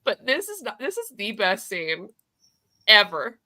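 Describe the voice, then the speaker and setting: A woman's voice: medium pitch, very animated, measured pace, pushed and bright. A woman chatting casually and gushing as she recaps a comic, often acting out the characters' lines as a co-host. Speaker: co-host of a comic book review show.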